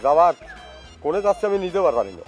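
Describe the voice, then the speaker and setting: A man's voice: a little high, big pitch swings, fast, faint music behind. A man with a rural Pabna Bengali accent playing a short-tempered old father-in-law who scolds and curses. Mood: angry. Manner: scolding, cursing.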